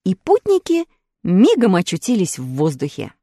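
A woman narrating a children's fairy tale with lively, expressive storytelling. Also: on the low side, normal speed, breathy edge, no room sound, clean studio sound. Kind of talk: audiobook fairy-tale reading.

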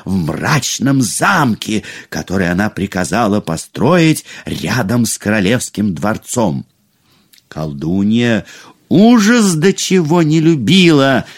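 Male fairy-tale narrator, measured pace, very animated intonation. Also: lowish voice, slightly rough. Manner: expressive, unhurried reading. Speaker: storyteller.

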